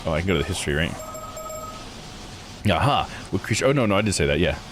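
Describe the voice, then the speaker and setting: A man hosting a live visual novel playthrough reads the text aloud and muses to himself in casual commentary. His low voice is expressive and quick-paced, with music playing behind it.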